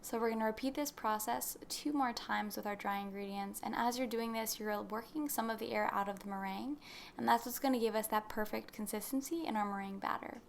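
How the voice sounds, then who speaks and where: A young woman narrates a baking tutorial in a friendly, instructional voice-over. Her voice sits a little high and has a gravelly edge, and a faint hiss of background noise runs under the recording. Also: fairly even intonation, fairly quick. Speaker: baking channel host. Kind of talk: scripted recipe voice-over.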